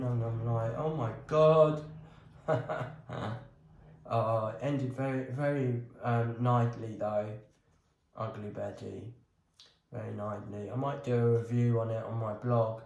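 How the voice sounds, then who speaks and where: This man talks slowly and unhurriedly, pausing often with ums as he walks viewers through a hands-on craft project. His voice sits at an ordinary middle pitch. The sound is roomy, with noticeable echo off the walls. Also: darkish tone, muffled recording. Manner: hesitant, many ums, talks himself through each step. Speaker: crafting vlogger. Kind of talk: casual talk while working on a bonsai.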